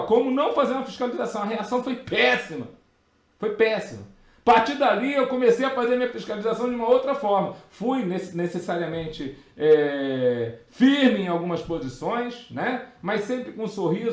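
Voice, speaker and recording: A Brazilian man, a tax auditor and teacher, telling a work anecdote and answering viewer questions in a live lesson, with animated asides and many fillers. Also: high-pitched. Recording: roomy echoey sound.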